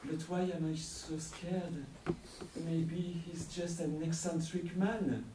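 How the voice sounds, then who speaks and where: A man's voice: a little high, slow pace, noisy background, pitched above the performer's own voice. A man playing a naive, frightened young man in a theatrical tall tale, hesitant and stammering. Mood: scared. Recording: roomy, distant mic.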